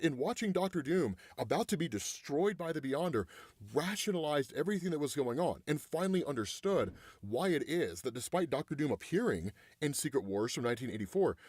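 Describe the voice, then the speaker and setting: Young male comics host, animated casual talk, fairly high lively voice, dry close sound. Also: breathy edge, no room sound. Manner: animated, uses "right?" and "like" a lot. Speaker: comic book video host.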